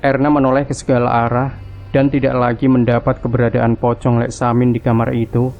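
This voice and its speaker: A man narrating a scripted horror story in a hushed, creeping, suspenseful manner. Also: mid-range voice, completely flat delivery, fairly quick, vocal fry, narrow, tinny audio, faint music behind.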